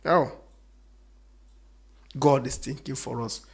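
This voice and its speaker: A man preaching emphatically, repeating phrases and swinging between loud declarations and quiet asides. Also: mid-range voice, creaky, slightly rough. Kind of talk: preaching monologue.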